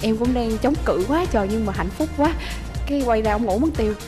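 Fast-talking southern Vietnamese woman, higher voice. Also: lively intonation, music in the background. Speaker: talk show guest. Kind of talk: animated casual storytelling. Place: TV studio stage.

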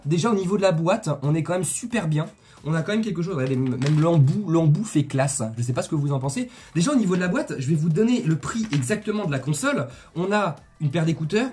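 A man runs a casual unboxing vlog, talking to his viewers in a slightly high, husky voice. He rambles cheerfully, repeats phrases and throws in little jokes. Soft music plays faintly behind him. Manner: chatty, repeats himself, joking asides to viewers. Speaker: tech video host.

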